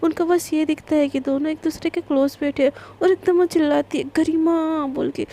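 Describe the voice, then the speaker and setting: A woman's voice: high-pitched, steady tone, brisk, mellow. A woman telling a love story in a casual, chatty way, mixing into her talk and using lots of fillers. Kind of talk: casual spoken story narration.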